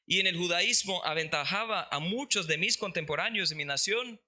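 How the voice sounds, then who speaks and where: Bright-voiced man preaching a sermon. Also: high voice. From Colombia. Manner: reads scripture aloud, slows for emphasis. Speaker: pastor.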